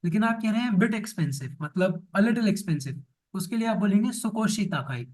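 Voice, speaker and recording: A man teaching Japanese restaurant phrases in Hindi, saying each example sentence slowly and repeating it. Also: sits high, animated, darkish tone, far from the mic, poor audio. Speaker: language teacher.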